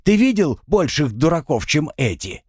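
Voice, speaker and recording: A wry, put-upon drowned man's spirit with a raised, lively voice that swings up and down as he complains, voiced by a male audiobook narrator. The recording is dry and close, with no room sound at all. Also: on the high side, moderate pace, husky, no room sound, pitched above the performer's own voice. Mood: aggrieved. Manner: complaining, exasperated. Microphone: close studio mic.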